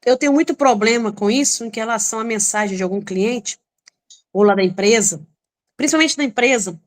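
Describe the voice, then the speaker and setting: A woman sharing lively, anecdotal stories in a casual group discussion. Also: a little high, a little fast.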